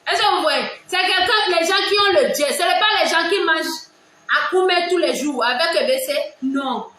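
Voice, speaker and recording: A woman with a Togolese French accent, talking loudly and emphatically to her viewers in casual commentary, often repeating herself. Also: very high-pitched, moderate pace. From Togo. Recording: very echoey room.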